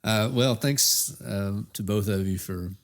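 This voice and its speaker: A man hosting a church podcast and wrapping up the talk in a steady, even way. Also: on the low side, a little slow. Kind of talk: podcast host wrap-up.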